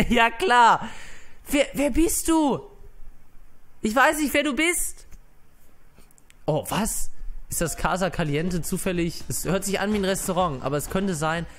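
A man's voice: sits high, fairly bright tone. A man giving casual let's play commentary, brash and mocking, swearing at the game characters.

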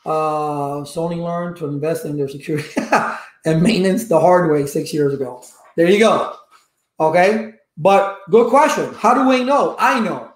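Picked up by a webcam at his desk, this fifties-aged network engineering educator from Cuba, a native Spanish speaker, talks animatedly in a casual livestream. His voice is a little high at a normal speed, the room echoes and the recording is rough. He gestures freely and asks rhetorical questions.

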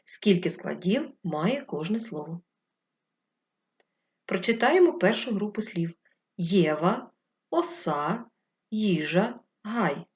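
Brief: woman primary teacher, recorded remote lesson, slow and clear for young children, lo-fi sound. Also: medium pitch, darkish tone. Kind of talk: recorded distance-learning lesson.

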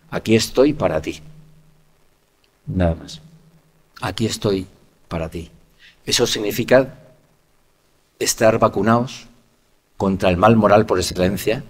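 A man's voice: low-pitched, a little mellow, husky. A man from giving a reflective conference talk, often ending phrases with a questioning tag. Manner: reflective, many rhetorical "¿no?" tags. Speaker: lecturer. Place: conference hall. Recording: lecture hall with long reverb.

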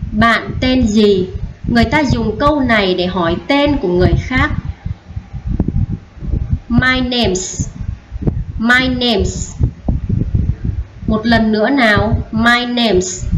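Slow, patient woman teacher. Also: fairly high pitch, background noise. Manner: repeats phrases slowly, explaining each in Vietnamese. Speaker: English teacher.

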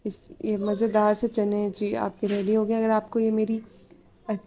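A woman's voice: mid-range voice, completely flat delivery, a little slow, warm tone, a little hiss or hum. A woman from Pakistan, hosting a cooking channel in a chatty, instructive voice-over and mixing in English words. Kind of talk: casual recipe voice-over. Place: home kitchen.

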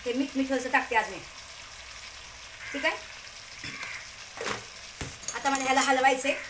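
A woman with a Marathi accent hosts a home cooking channel, giving a casual cooking demonstration in a high voice at normal speed. She's chatty, repeatedly asking "okay?" and telling viewers to look. The echoey kitchen carries cooking noise, with a sizzling pan and clattering pots in the background.

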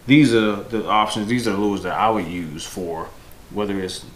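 In a steady, lowish voice at a moderate pace, a man in his thirties gives casual, unscripted fishing-vlog tips on a product to the camera, correcting himself as he goes. He is indoors in a home room with windows, and the noisy home camera recording is reverberant.

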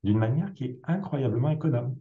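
A man, a psychiatrist being interviewed, explains a clinical technique through worked examples in a relaxed, conversational way with frequent hesitations. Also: mid-range voice, brisk. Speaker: psychiatrist guest. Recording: roomy, dull lo-fi sound.

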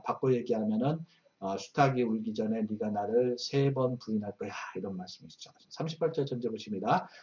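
A man's voice: medium pitch, darkish tone, highs cut off. Patient male teacher on a distant mic. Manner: patient, explanatory, translating phrase by phrase. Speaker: English Bible teacher. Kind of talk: verse-by-verse language lesson.

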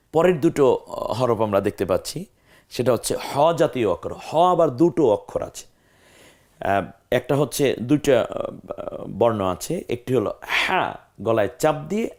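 A man's voice: mid-range voice, a little mellow. Man teaching Quran pronunciation, demonstrating sounds. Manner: demonstrates letter sounds slowly, repeats drills.

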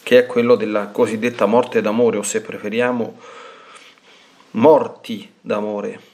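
A priest giving a devotional reading and sermon commentary, measured and slow with pauses. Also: male voice, fairly low pitch, level tone, a little mellow.

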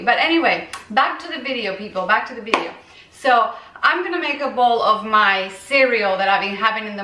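A woman's voice: mid-range voice, bright, forceful tone. A woman vlogger chatting and rambling as she shows a recipe in her home kitchen. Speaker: raw vegan recipe vlogger. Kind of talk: casual kitchen demo. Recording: echoey kitchen, mic at a distance.

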